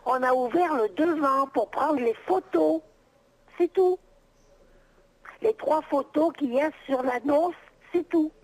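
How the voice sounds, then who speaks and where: A middle-aged woman takes an unscripted phone call as a private seller, her high voice slow and broken by frequent pauses. She is exasperated and insistent, saying the same things again, on a noisy telephone connection.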